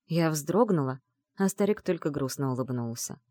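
A woman's voice: low voice, animated, moderate pace, mellow, dry recording. A woman narrating an audiobook in the first person, reading in an earnest, heartfelt way.

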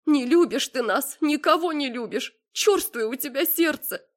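A distraught mother near tears, her voice pitched high and pleading, as a woman reading a story puts her on. She begs and frets, rising sharply as she speaks, in a storybook reading. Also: lively intonation, moderate pace. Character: tearful pleading middle-aged mother.

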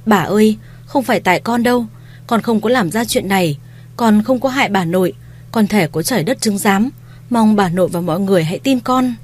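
A woman's voice: mid-range voice, a little fast, darkish tone, natural voice. A woman reading a story, voicing a young daughter-in-law who tearfully begs to be believed. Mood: tearful pleading. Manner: tearful, pleading. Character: young daughter-in-law sobbing and pleading innocence.

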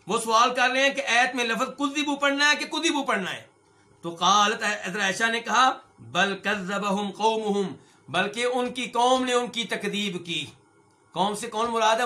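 A middle-aged male scholar gives a religious lesson, reading Arabic phrases slowly and then explaining them. He asks his listeners questions, answers them himself, and addresses them as brothers. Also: high voice, pushed and bright. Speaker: Islamic scholar and hadith teacher.

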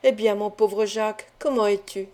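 A woman's voice: mid-range voice, steady tone, normal speed, dark tone, lightly acted. A woman reading the lines of a self-interested older male business partner in an audiobook, insistent and persuasive. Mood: protesting.

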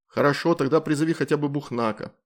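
A man voicing an exasperated adult wizard who asks clipped, sharp questions. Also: fairly high pitch, quick pace, close to an everyday voice. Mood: stern.

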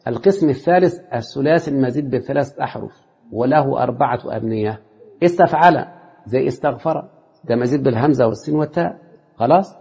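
A man's voice: medium pitch, fast talker, gravelly, warm tone, slightly rough. A man teaching a classroom lesson in an Egyptian Arabic accent, constantly quizzing his students with short questions. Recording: lo-fi hall recording with long reverb.

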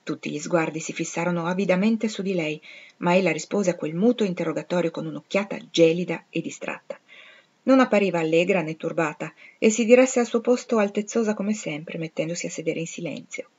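A woman with a fairly low, somewhat dark-toned voice reads a classic novel aloud, measured and expressive. The recording is dull and lo-fi, with the top end rolled off. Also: husky. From Italy. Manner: measured, expressive storytelling delivery. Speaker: audiobook reader. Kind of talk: literary reading aloud.

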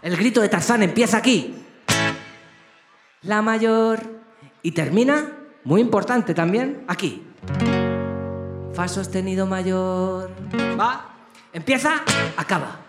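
A man's voice: high-pitched, lively intonation, slow, long pauses. A man on stage at a children's concert, playfully coaxing the crowd with questions and jokes. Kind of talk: live concert banter to a crowd of kids. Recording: echoey live stage with music.

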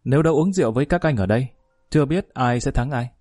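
Brief: steady, no-nonsense village woman mediator, read by a man, middle pitch, firm and measured. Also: dry recording, faint music behind, natural voice. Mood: calm firm. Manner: measured, plain-spoken, commanding.

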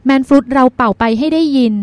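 A woman's voice: quick pace, no echo, lightly acted. A woman reading the lines of a dreamy, chatty young woman who plays the younger sister. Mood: wistful. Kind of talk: audiobook character reading.

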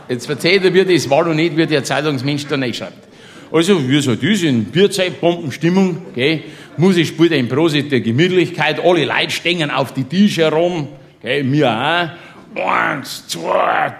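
A man with a Bavarian accent tells a comic tale in dialect and keeps breaking into laughter. His voice sits a little high for a man. He keeps turning to the listener with chummy asides. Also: creaky. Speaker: comic storyteller.

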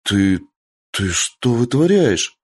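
A man's voice: mid-range voice, very animated, slow, breathy edge, no echo, exaggerated voice. Man doing a stern, exasperated young princess. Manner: commanding, sharp, exasperated.

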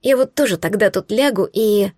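A woman's voice: mid-range voice, normal speed, a little mellow, dry recording, studio quality, natural voice. A woman voicing an emotional young heroine who speaks in a pleading tone. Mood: sobbing.

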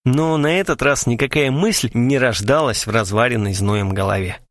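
A man narrating a literary story in a wry, expressive audiobook reading. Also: medium pitch, moderate pace, no echo, studio quality.

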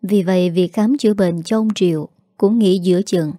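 A woman narrating a family drama story in a steady scripted storytelling manner. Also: fairly low pitch, normal speed, dry recording, clean studio sound.

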